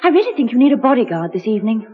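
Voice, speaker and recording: Emma Peel, dry and breathy. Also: female voice, on the high side, very animated, racing, soft background music. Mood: cool. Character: witty, cool-headed female secret agent. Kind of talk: 1960s radio drama acting. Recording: dull old radio recording.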